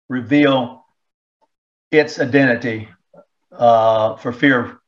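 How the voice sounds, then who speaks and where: Sarcastic man ranting on a lo-fi show. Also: medium pitch. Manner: sarcastic, indignant, reads excerpts aloud. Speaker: talk show host. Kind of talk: opinion talk monologue.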